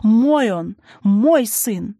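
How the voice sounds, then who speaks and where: A woman's voice: on the high side, animated, drawn-out words, no room sound, studio quality, heavily acted. A woman doing a furious grieving mother, shrieking. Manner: snarling, shouting.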